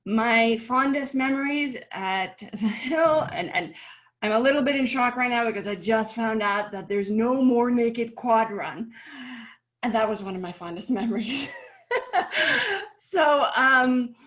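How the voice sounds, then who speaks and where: A woman in her thirties from Chile, chatting upbeat and warmly on a video-call panel, laughing easily and slowing down to stress points. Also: a little high. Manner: upbeat, chatty, laughs easily, some slow emphatic stretches. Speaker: panelist, company founder.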